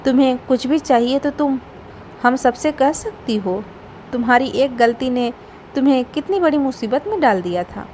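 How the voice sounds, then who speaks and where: Woman reading as a gentle, forgiving daughter-in-law. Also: sits high, expressive, normal speed, slight background noise. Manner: soft, forgiving.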